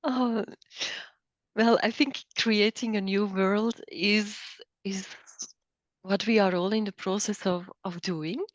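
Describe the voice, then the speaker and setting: A middle-aged woman from Belgium, speaking as an interview guest, thoughtful and hesitant with many pauses and restarts. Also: medium pitch, fairly even intonation, no room sound, highs cut off. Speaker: guest, coach. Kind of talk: interview conversation.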